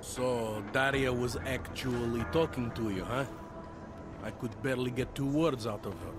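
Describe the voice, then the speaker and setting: A man voices a weary veteran city police detective in a game cutscene backed by loud music. His mid-range voice is natural and moderately paced, and his manner is wry, world-weary and half-joking.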